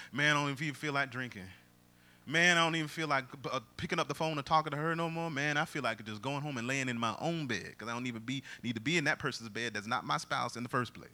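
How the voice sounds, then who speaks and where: A man's voice: medium pitch, a little fast, sharp tone. A man voicing a weary grown man who is tired of his late-night vices, complaining in a sighing, worn-out way.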